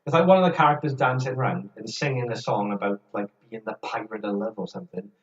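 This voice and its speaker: A man's voice: lowish voice, fast talker, far from the mic. A man chats casually on a homemade podcast, rambling through hesitant half-finished sentences. His voice sits in a mid range and sounds roomy and set back from the microphone. The sound is dull and lo-fi. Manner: rambling, hesitant, laughs often. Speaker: podcast co-host. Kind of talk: casual chat.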